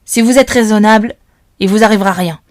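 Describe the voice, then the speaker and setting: A woman's voice: medium pitch, a little fast, no room sound, clean studio sound, natural voice. A woman doing a menacing male kidnapper. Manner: menacing, domineering. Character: gruff threatening adult male kidnapper.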